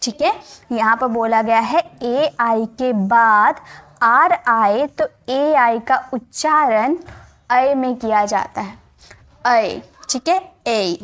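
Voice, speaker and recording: High-voiced woman teaching spelling patterns. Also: takes it slowly, fairly bright tone. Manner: explains patiently, spells letters aloud and repeats words; often checks in with the viewer. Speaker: English teacher. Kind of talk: spoken phonics lesson.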